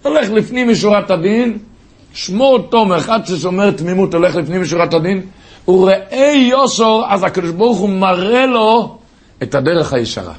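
A man preaching a sermon through stories, telling them with passion and rising to high cries. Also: animated.

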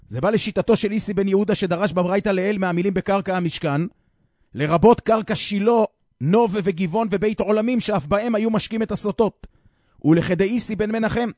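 A man with a high voice walks through a Talmud passage in a steady explanatory reading tone, slowing down to lean on the key phrases. The sound is dry and close, with no room around it. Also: no echo. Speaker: Talmud teacher.

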